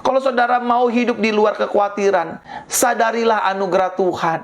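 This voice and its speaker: A woman's voice: medium pitch, fairly even intonation, brisk. A middle-aged woman pastor preaching a sermon, repeating phrases and addressing the congregation directly.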